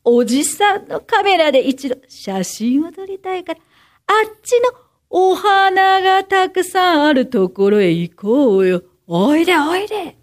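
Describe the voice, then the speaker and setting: A woman's voice: very high-pitched, lively intonation, a little slow. A woman playing a scheming middle-aged man who coaxes a child to follow him, in a crime-prevention radio skit. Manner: wheedling, sneaky coaxing. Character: sly scheming middle-aged male child-luring stranger.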